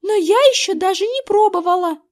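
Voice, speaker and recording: A shrill, excitable young girl with a very high voice, as a woman puts her on in a reading. Her lines jump up sharply above the reader's own voice, as in a children's audiobook. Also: normal speed. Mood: excited.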